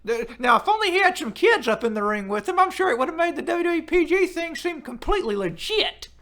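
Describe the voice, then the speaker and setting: A man's voice: extremely high pitch, fast, heavily acted. A man voicing a brash, foul-mouthed male wrestling fan who hosts a live stream and reads chat comments aloud. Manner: crude, swears freely, excitable outbursts. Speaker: livestream host reading chat.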